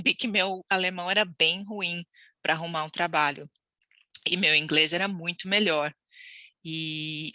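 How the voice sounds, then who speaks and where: A woman from Santos, Brazil, with a lowish, sharp-toned voice, is a podcast guest telling her immigration story. She chats and laughs casually, restarting often. There's no room sound.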